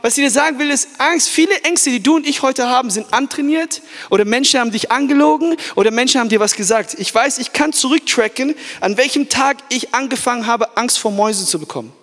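A man's voice: very high voice, fast, few pauses, fairly bright tone. Man, youth pastor, fervent sermon, asks the crowd for amens, English words mixed in, church hall echo.

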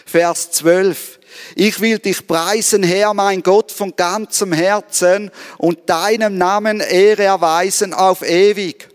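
Male preacher, high clear voice, slow, earnest sermon delivery with direct questions to the congregation. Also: fairly even intonation, in a large hall. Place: church service.

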